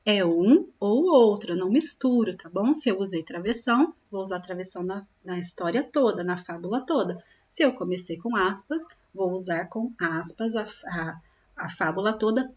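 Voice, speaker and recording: Lady teacher, stretches out syllables slow for little kids, keeps asking if they got it, bit muffled sound. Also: medium pitch. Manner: slow, drawn-out sounding of syllables, with frequent check-in questions. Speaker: primary school teacher. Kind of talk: recorded classroom lesson for young children.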